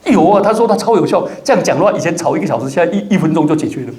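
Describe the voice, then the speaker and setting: A man preaching an expository sermon in a church, animated, acting out the people he quotes and dropping in English words. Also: rapid-fire. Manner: animated, acts out quoted people with big pitch jumps. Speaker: pastor.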